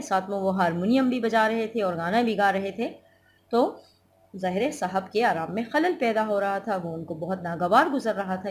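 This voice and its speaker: Woman teacher going through a text line by line, glossing words, low hum of noise behind. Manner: explanatory, repeats and glosses words, says "theek hai". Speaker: school teacher. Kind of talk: recorded lesson explaining a literature text.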